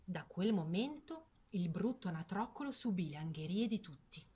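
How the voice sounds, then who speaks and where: A woman narrates a children's fairy tale in a storytelling voice. Her pitch moves in wide, lively arcs, and she stretches out words slowly for effect. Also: husky, muffled recording. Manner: expressive, slow and lingering on words.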